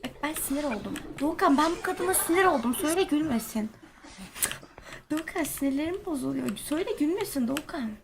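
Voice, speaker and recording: Young woman streamer, high voice, skittish and foul-mouthed, noisy recording. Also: expressive, fast talker. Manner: jumpy, swears and shouts when scared. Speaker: gaming streamer. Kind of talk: casual let's-play chat. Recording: noisy gaming stream audio.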